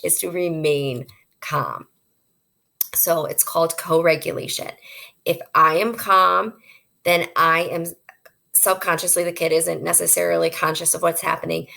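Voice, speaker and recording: Low, gravelly-voiced woman educator. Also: fairly bright tone. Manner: earnest and conversational, explains with everyday examples. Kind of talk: informal instructional talk to parents.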